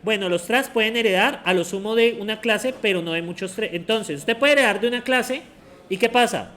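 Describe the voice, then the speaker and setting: A man's voice: high-pitched, fairly bright tone, slight background noise. A man teaches a university programming class. He explains step by step and keeps throwing short check questions at the students. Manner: asks the class many quick check questions. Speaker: university lecturer. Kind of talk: classroom lecture.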